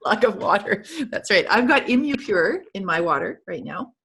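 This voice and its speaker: A middle-aged woman co-hosting a casual video-call chat, agreeable and quick to laugh. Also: mid-range voice, very animated, creaky, a bit bright. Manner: chatty, agreeable, laughs often. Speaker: co-host of essential oils show.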